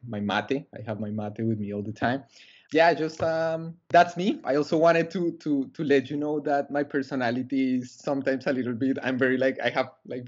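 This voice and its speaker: Over a headset on a video call, a young adult man from Colombia speaks earnestly as an interview guest, often filling and restarting his sentences. His voice is medium in pitch, and the audio is lo-fi. He's in a small room indoors.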